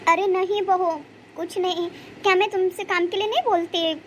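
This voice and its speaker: A woman's voice: sits high, a little fast, fairly bright tone, slight background noise. A woman voicing an emotional, pious mother-in-law who prays aloud and heaps praise on her daughter-in-law in a cartoon story. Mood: upset.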